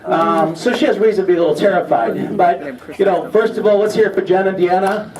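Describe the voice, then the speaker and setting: A man's voice: high-pitched, a little fast, music in the background. A man acting as emcee, delivering a teasing, off-the-cuff comic monologue to a gathering. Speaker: auctioneer and event emcee. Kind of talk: joking opening monologue to a gathering. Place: large room at an event, audience behind. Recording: echoey hall, distant mic, audience noise.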